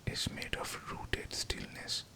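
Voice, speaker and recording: A man whispering a scripted pep talk of affirmations, in short, deliberate phrases. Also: bright, forceful tone. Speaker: guided affirmation narrator.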